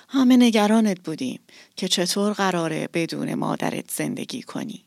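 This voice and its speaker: A woman voicing a kindly old village elder man who speaks slowly and tenderly. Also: on the low side, slightly rough, no echo, clean studio sound. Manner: slow, soft, tender.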